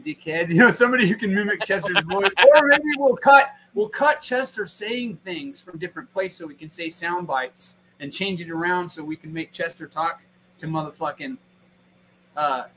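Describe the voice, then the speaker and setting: A man on a stream, rambling profanely and acting out pranks in quick put-on voices. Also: high voice, a bit bright, slight background noise, poor audio. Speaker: guest. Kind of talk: crude casual chat on a stream.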